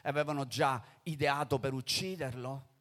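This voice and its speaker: A man preaching a sermon in a dramatic way, swinging between loud, urgent phrases and hushed ones. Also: mid-range voice, moderate pace.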